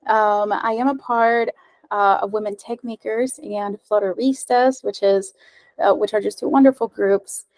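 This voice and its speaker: A woman in her thirties from the United States, whose first language is Spanish, is a mobile developer giving a casual, friendly tech meetup talk over slides on a video call, with frequent ums and uhs. Her mid-range, slightly mellow voice has fairly even intonation and a measured pace. The dry, low-quality recording comes through a webcam.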